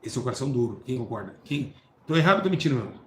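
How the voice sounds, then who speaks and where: A man preaching a sermon, swinging between loud emphatic bursts and soft low asides while questioning his listeners. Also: very animated, racing. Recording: echoey room with faint ambient noise.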